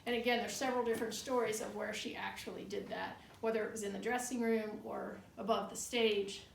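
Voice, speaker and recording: A tour guide recounts local legends in an indoor room of an old bar building, informal and conversational, with a skeptical, matter-of-fact tone. Her mid-range voice is steady with vocal fry, going a little fast. The distant mic picks up a roomy echo and faint noise.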